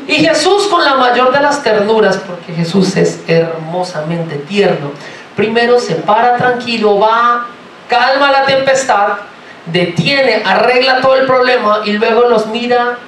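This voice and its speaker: A man from Colombia with a Colombian accent, preaching a sermon in a lively, joking way and asking the congregation many rhetorical questions. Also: very high-pitched, a little hiss or hum. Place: church sanctuary. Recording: roomy, from far off, faint ambience.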